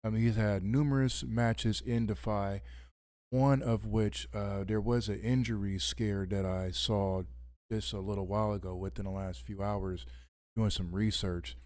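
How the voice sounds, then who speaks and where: Low dry-voiced male podcast host. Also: fairly even intonation, measured pace, darkish tone, no room sound. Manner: radio-host delivery, casual with fillers. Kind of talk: late-night wrestling podcast talk. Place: home at midnight.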